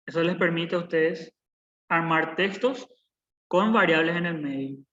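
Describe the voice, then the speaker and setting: At a measured pace, a programming instructor in his twenties teaches a live online class in a fairly high voice that sounds pushed and bright. The video-call recording is muffled. Patient and repetitive, he regularly checks in with "¿verdad?".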